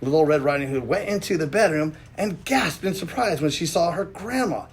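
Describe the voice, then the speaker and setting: A man reading a children's storybook aloud in an expressive way. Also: fairly high pitch, a little fast, husky. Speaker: storybook reader.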